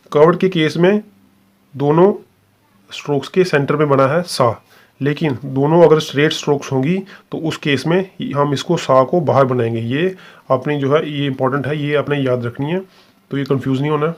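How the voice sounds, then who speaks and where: Patient male shorthand teacher. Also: mid-range voice. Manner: patient, repetitive, often checks in with "ठीक है". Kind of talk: explanatory classroom lesson.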